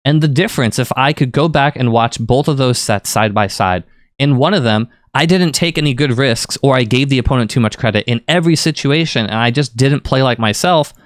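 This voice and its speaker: A man explains fighting-game strategy in casual, conversational commentary, rambling in a relaxed coaching style but occasionally hammering a point with lively emphasis. His smooth, resonant voice sits at a middle pitch and moves briskly. The recording is close and dry, with no room sound.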